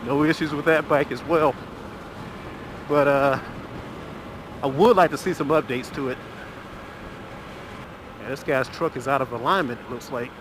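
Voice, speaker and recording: A middle-aged man of medium pitch narrates a casual motorcycle ride on a rural road as a motovlogger. He stays relaxed and chatty, drawing out filler pauses as he goes. Recorded on a helmet mic, the clip carries wind, engine, and road noise.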